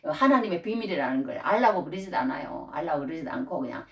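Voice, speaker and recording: A woman's voice: deep voice, animated, fast talker, distant mic. A middle-aged woman preaching a sermon in a conversational way, raising her voice when she acts out scripture. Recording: roomy sound from away from the mic.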